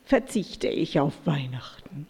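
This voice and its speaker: A grumbling, sweet-toothed bear, as a woman reading a fable puts him on speaks loudly. The sound has a long echo. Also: low-pitched, lively intonation, slow pace, slightly rough, in a whisper, pitched below the performer's own voice, heavily acted.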